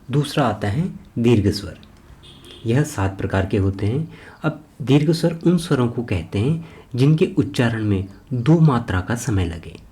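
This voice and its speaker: A man giving an exam-prep grammar lesson, slow and methodical, spelling out each sound one by one and answering his own questions. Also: medium pitch, mellow. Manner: asks a question and then answers it himself. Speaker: teacher.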